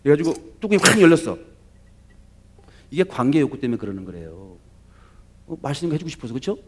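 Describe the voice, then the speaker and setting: A male pastor giving a sermon in an animated, conversational storytelling manner, often checking in with the congregation. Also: a little high.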